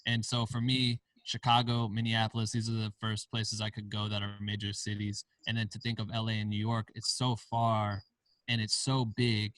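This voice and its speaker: In a casual podcast interview, a film director and founder from Iowa spins stories in a relaxed way, using casual slang. His lowish voice is monotone and fairly bright at a moderate pace, recorded dry and far from the mic.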